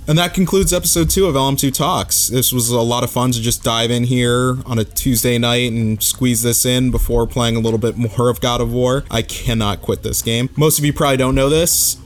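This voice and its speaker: A man's voice: medium pitch, moderate pace, few pauses, soft background music. A man hosting a solo podcast, giving a casual review in a reflective, conversational way, as if thinking aloud. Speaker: podcast host.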